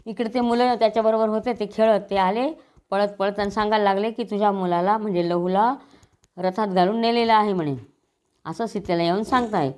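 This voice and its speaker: A woman's voice: medium pitch, fairly even intonation, fairly quick, darkish tone. Woman chanting and explaining scripture. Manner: chants verses, then explains them in everyday speech. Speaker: scripture reader. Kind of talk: recited scripture with plain retelling.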